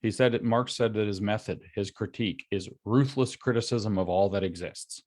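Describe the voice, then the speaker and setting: A man's voice: on the low side, normal speed, darkish tone. A man speaking as a guest over a video call, explaining ideas in long lecture-like runs joined by "and so". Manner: long run-on explanations linked with "and so". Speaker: guest commentator. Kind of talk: explanatory lecture-style talk.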